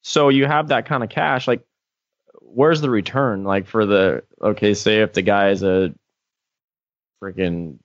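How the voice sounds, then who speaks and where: Low-voiced man, rambling casual podcast chat. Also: unhurried, pauses often, no echo, lo-fi sound. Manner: rambling, peppered with "like". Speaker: podcast co-host.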